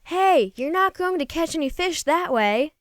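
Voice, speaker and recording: A woman's voice: very high voice, animated, a little slow, no room sound, studio quality, voice pushed up. A woman voicing a big, friendly male Bigfoot in a children's storybook, hearty, teasing and sure of himself. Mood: friendly, eager. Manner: hearty, teasing, bossy helper. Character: big friendly male Bigfoot, jovial, confident forest fisherman.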